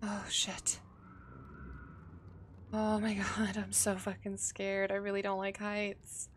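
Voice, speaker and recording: A woman streamer reacting live to a horror game, swearing and gasping as she goes. She talks at an unhurried pace, with a faint hiss underneath. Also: medium pitch, completely flat delivery. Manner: jumpy, profane, exclaims and gasps often. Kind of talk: live gaming stream commentary.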